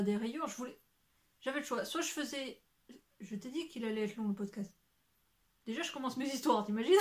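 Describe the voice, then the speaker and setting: A young woman with a fairly high voice talks at home in front of her shelves. She rambles through her knitting projects with lots of fillers and restarts, now and then letting slip a swear word and apologizing for it. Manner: rambling, chatty, many fillers and self-corrections. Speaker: knitting podcaster. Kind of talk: casual chat showing knitting to camera.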